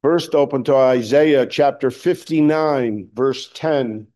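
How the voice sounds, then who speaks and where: A male pastor preaching a sermon with a scratchy voice, clearing his throat often and speaking in a slow, deliberate way. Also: mid-range voice, mellow.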